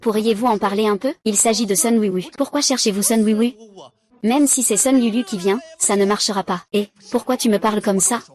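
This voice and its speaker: Lady dubbing a whole drama by herself, same even voice for everyone, mid pitch. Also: a little fast. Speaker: voice-over dubber. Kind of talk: single-voice dub of a drama series.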